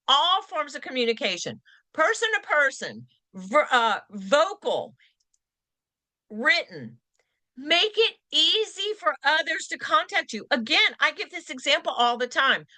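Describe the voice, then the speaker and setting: A woman teaching a continuing education class for real estate agents, emphatic and lively, slowing down to stress her points. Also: sits high, no echo. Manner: lively, acts out quoted lines in varied voices.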